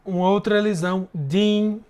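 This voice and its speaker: A male teacher from Brazil giving a literature lesson, slowly sounding out verse syllable by syllable and checking in with his students as he goes. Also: sits high, fairly even intonation, darkish tone, clean tone. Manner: slow and patient, drawing out syllables while counting; checks in with tag questions.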